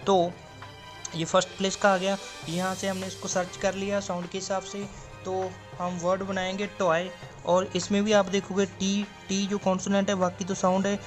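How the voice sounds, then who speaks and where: A man's voice: sits high, monotone, moderate pace, soft background music. A man explaining a stenography lesson step by step, drawing out example words and answering his own questions. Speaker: stenography teacher. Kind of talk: classroom explanation.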